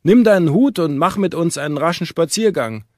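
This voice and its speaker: A man's voice: a little high, lively intonation, fairly quick, no room sound, clean studio sound, pitched above the performer's own voice, close to an everyday voice. A man voicing an earnest, worried middle-aged lawyer who urges his friend on in a raised, hearty voice. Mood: hearty urging.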